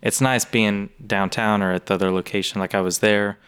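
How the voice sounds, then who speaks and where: A man's voice: fairly low pitch, steady tone, fairly quick, fairly bright tone, smooth. A man co-hosting a casual podcast, chatting in an easygoing, agreeable way. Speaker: podcast co-host, music store employee.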